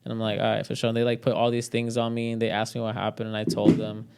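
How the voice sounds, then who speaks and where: Young man, clear smooth voice. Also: fairly low pitch, monotone, fast talker, darkish tone. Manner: rambling, swears a lot, many "like" fillers. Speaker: podcast guest storyteller. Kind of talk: casual storytelling chat.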